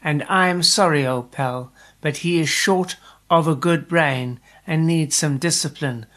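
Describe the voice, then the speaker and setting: A man's voice: on the high side, unhurried, sharp tone. A man voicing a chatty male animal character in a storybook tale, confiding in an old friend.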